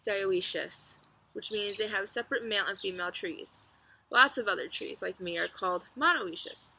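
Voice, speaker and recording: Narrating a children's book aloud, a woman reads expressively, using clear storytelling phrasing and emphasis. Her mid-range voice is bright and forceful.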